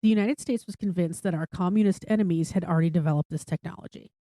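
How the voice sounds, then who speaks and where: Mellow-voiced woman podcast co-host. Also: fairly low pitch, fast talker, no room sound. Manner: casual, swears freely, lots of "like". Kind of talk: casual chat.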